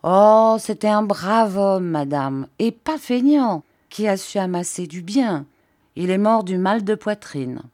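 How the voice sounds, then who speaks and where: A woman's voice: mid-range voice, expressive, slow, darkish tone, no room sound, clean studio sound. A woman playing a blunt old farm servant. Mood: plain. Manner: rustic dropped syllables. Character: older female farm servant, blunt, affectionate.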